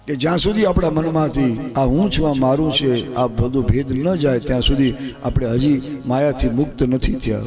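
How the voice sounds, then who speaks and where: Gujarati man, katha preacher, storytelling sermon over steady devotional music. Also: mid-range voice. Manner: storytelling with rhetorical asides to devotees. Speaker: Shiv Puran katha preacher.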